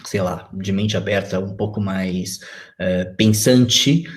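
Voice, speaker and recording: A man's voice: low voice, slow pace. A Brazilian man in his forties, a guest on a video-call interview, talking reflectively with many fillers and restarts. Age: 40s.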